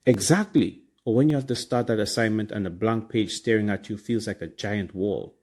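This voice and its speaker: A man's voice: fairly low pitch, moderate pace, a little mellow. A man with a Trinidadian accent hosting a casual motivational podcast, talking in colloquial Caribbean slang. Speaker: podcast host.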